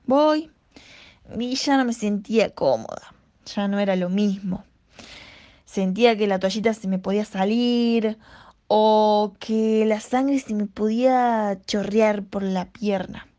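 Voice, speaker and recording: A young woman with an Argentine accent performing a dramatic monologue in a slow, theatrical storytelling manner. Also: mid-range voice, dark tone. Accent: Argentine Spanish. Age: young adult. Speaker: acting student.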